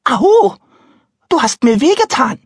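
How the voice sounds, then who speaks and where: A man voicing a tiny, childlike talking piece of firewood in a very high, thin little voice. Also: sing-song, slow pace, breathy edge, no room sound, studio quality, heavily acted. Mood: wailing.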